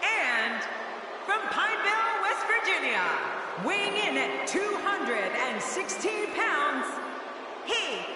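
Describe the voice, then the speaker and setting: A woman performing as a ring announcer in a wrestling game, shouting drawn-out, grand introductions in the style of a boxing announcer. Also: extremely high pitch, sing-song, recorded from a distance, heavily acted. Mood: grand, hyped. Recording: echoing arena PA with loud music.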